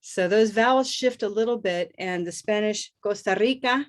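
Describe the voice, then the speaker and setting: An upbeat American woman hosting a live online English pronunciation lesson and repeating words slowly for learners. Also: medium pitch. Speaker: host and English pronunciation teacher.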